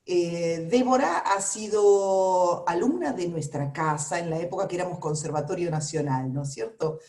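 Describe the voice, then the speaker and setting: A woman's voice: on the low side, moderate pace, darkish tone, echoey room. Chatty woman host with a Rioplatense accent. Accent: Rioplatense Spanish. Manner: chatty, with frequent fillers. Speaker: radio host. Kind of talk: conversational radio interview.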